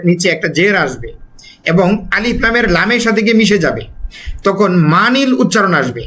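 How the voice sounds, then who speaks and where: A high-pitched man with a Bangladeshi Bengali accent gives an Arabic lesson. He works through it step by step, stretching out and repeating each example word as he drills it. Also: fairly bright tone. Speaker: Arabic language teacher.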